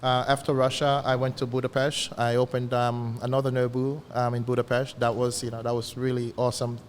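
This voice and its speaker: Fast-talking man telling rambling stories. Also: mid-range voice, in a large hall, slight background noise. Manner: rambling, filler-heavy, animated anecdotes. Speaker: chef guest. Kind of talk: casual interview storytelling.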